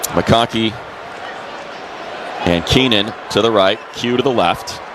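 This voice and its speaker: Slow and lowish in voice, a man describes a live American football game for radio using clipped phrases. Stadium crowd noise fills the background.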